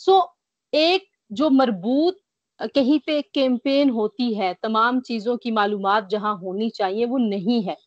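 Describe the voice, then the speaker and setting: Speaking slowly in a voice on the high side, with no room sound, a Pakistani woman earnestly recounts her covid illness as a remote interview guest on a video call. She's tired, slightly short of breath and mildly coughing, and the call audio is dry, dull and lo-fi.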